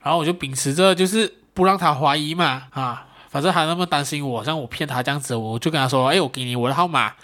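A young man, hosting a casual solo podcast and telling an animated, self-mocking story with some swearing. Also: on the high side, quick pace, few pauses. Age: young adult. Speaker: podcast host.

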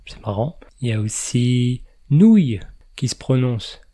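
Man, podcast host, casual explanatory chat, mellow dark voice, mid pitch. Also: expressive, a little slow. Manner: chatty, laughs at his own remarks.

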